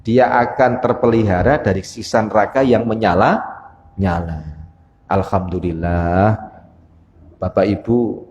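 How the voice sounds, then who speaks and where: Male preacher, Javanese accent, unhurried, quizzes the congregation, long hall reverb. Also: lowish voice, darkish tone, dull audio, slight background noise. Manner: conversational, teasing the audience with questions. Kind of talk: sermon. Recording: echoey hall.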